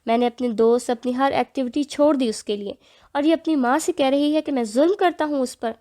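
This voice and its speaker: A woman's voice: sits high, dark tone, natural voice. A woman reading the part of a hot-tempered young husband in an audio novel, with clipped, biting delivery. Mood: angry.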